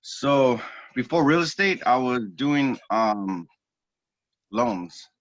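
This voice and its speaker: A man, a real estate agent guest, telling his story in a relaxed, rambling way, heard over a phone speaker on a group call. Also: mid-range voice, takes it slowly, no echo. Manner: relaxed, rambling, many ums and restarts. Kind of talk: casual interview storytelling. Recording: dull, dry phone audio.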